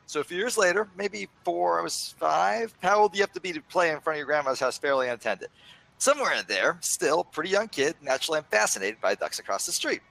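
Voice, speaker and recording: A man's voice: fairly high pitch, fast talker, vocal fry, slight background noise, rough recording. A man hosting a video game let's play who reads a funny story aloud with lots of laughs. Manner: animated, laughs between lines. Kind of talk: casual gaming commentary with a dramatic story reading.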